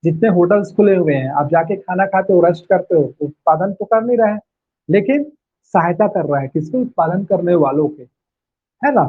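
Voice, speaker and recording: A man's voice: sits high, breathy edge. A male teacher giving an online class lecture, repeating key phrases and firing questions at his students. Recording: tinny lo-fi phone-like audio.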